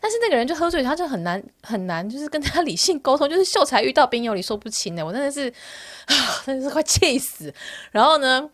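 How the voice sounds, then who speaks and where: Animated young woman telling a story. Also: high voice, fast talker, hardly any pauses. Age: young adult. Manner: animated, gets worked up while retelling. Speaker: rental agent for students. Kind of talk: casual storytelling to viewers.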